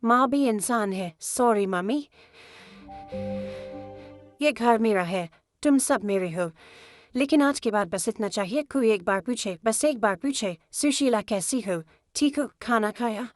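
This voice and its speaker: A woman's voice: on the high side, lively intonation, unhurried, faint music behind. A woman voicing a tired, long-suffering housewife who pleads earnestly with her family. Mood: pleading. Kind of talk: animated storytelling.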